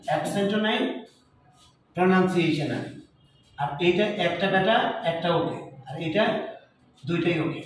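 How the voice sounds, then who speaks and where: A man from Bangladesh, giving a spoken lesson as an English teacher and repeating words slowly to model them. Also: sits high, distant mic, slight background noise. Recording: very echoey room, voice off the mic.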